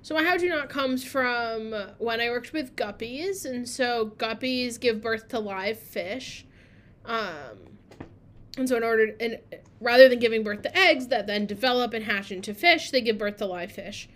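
Chatty high-voiced young woman. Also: unhurried, fairly bright tone. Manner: chatty, rambling storyteller who often laughs. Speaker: podcast co-host. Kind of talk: casual chat.

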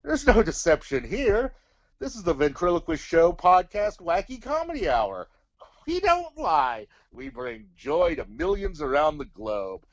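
A man plays a desperately upbeat kids' show host in a comic puppet skit. The voice is high and swoops widely, on a dry recording. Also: wildly swooping pitch, a little slow, dry recording, highs cut off, exaggerated voice. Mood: insistent. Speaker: podcast host.

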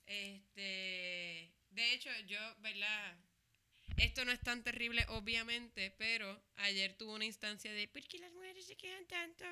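A woman's voice: mid-range voice, sharp tone, clear, resonant tone. A young woman with a Puerto Rican Spanish accent, telling a casual anecdote as a podcast co-host. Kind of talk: casual chat.

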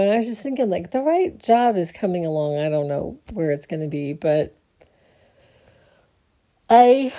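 Young woman, vlogger, mellow and low-pitched, sleepy late-night ramble full of fillers. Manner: rambling, many fillers and restarts. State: sleepy, yawning. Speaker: counselor. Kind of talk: casual personal vlog.

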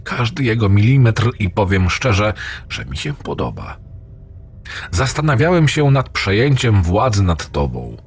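A man voicing a gloating, crude male AI demon in a horror story reading, with a rough, mocking voice. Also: a little slow, a little hiss or hum. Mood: taunting. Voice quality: rough, ugly, abusive voice. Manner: taunting, lewd, lively pitch swings.

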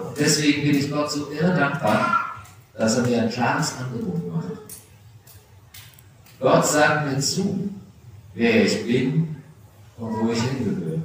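Middle-aged pastor preaching in an echoey church. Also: male voice, mid-range voice, background noise. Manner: warm-hearted, personal, speaks directly to teenagers. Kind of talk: confirmation sermon. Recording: echoey church recorded from a distance.

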